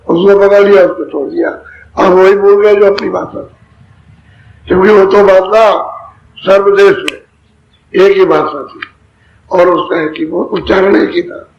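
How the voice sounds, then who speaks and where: A man with a high voice delivers a spiritual sermon, explaining patiently and repeating key phrases. The recording is dull and lo-fi, with a faint hiss underneath. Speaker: spiritual teacher. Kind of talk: satsang sermon.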